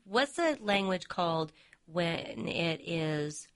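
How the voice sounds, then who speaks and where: A woman interviewer chatting casually, with lots of quick "you know" asides and animated backchannel responses. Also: fairly low pitch, clean tone. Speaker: interviewer, host.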